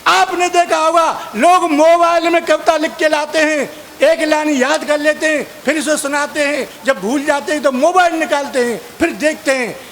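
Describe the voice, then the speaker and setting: A man's voice: extremely high pitch, fairly even intonation, moderate pace, fairly bright tone. A man performing as a comic poet on stage, mixing sung verse with teasing chat to the audience. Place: outdoor poetry gathering stage.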